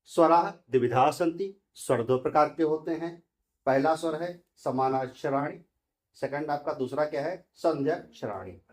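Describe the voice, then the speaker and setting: A man's voice: fairly high pitch, moderate pace, darkish tone. A male teacher giving a lesson, explaining each point step by step and asking and answering his own questions. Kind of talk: classroom lesson explaining grammar.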